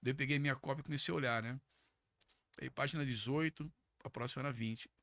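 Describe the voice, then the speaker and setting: A middle-aged man telling a story as a podcast guest, casual and lively, jumping up in pitch whenever he quotes someone. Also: quick pace, creaky, no echo. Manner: animated, jumps to high pitch when acting out quoted speech.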